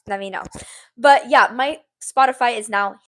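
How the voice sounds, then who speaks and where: A woman's voice: fairly high pitch, normal speed. A young woman in her twenties hosting a casual podcast-style livestream, rambling and giggly, saying "like" often into a small mini mic at home. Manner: bubbly, rambling, giggly, says "like" a lot. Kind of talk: casual chat with live comments. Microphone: small handheld mini mic.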